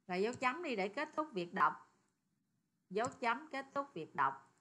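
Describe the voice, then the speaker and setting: A woman explains code step by step, with a bright, clear tone pitched a little high. She talks in a chatty way and keeps turning to her students with questions. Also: big pitch swings, moderate pace. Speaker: programming teacher. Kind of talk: screen-recorded coding lesson.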